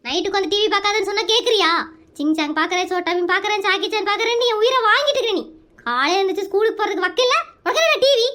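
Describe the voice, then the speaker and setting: Someone voicing a shrill nagging cartoon mother. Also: racing. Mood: scolding. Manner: nagging, yelling threats. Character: scolding frazzled young mother, shrill temper. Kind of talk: Tamil cartoon comedy dub.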